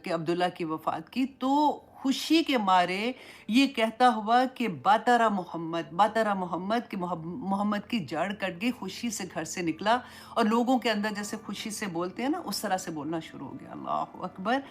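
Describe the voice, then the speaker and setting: A woman's voice: mid-range voice, animated. A woman Islamic teacher giving a Quran commentary lesson, telling stories and slipping English phrases into her Urdu.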